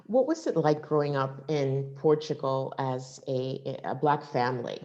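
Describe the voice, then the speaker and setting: A woman hosts a relaxed conversation, asking curious questions with small hesitations. Her voice sits very low for a woman. The sound is muffled and lo-fi, as from a video call. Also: measured pace. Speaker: interview host. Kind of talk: casual interview conversation. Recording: muffled lo-fi audio.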